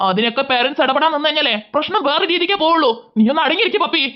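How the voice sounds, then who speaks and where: A woman voicing a calm, sensible young father in a cartoon who talks in a firm, level-headed way. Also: high voice, rapid-fire, highs cut off.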